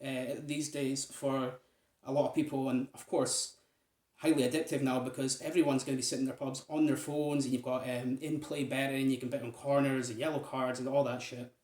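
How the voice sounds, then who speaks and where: A man from Aberdeen, Scotland, talks a little fast in a darkish, medium-pitched voice with little pitch movement. Rambling and chatty, he fills his casual monologue to viewers with fillers. The recording is reverberant.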